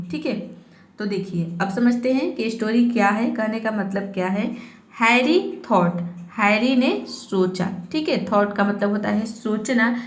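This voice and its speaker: Patient woman teacher, echoey room. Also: fairly high pitch. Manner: patient, repeats "theek hai" to check in; spells words out slowly letter by letter. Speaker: English teacher. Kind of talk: spoken lesson.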